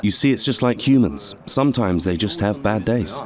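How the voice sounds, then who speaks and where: Low-voiced man explaining, nature documentary. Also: animated, normal speed, over music. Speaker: diver and shark observer.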